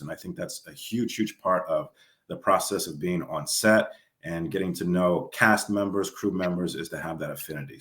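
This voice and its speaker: A man hosts a casual video interview in a low, deep voice, upbeat and fond of doubling his words for emphasis. The sound is roomy, with noticeable echo around him. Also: fairly bright tone. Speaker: host and filmmaker.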